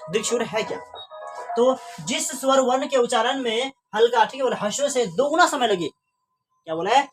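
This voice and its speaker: A woman teaching a grammar lesson to students, asking questions aloud and answering them herself. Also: on the high side.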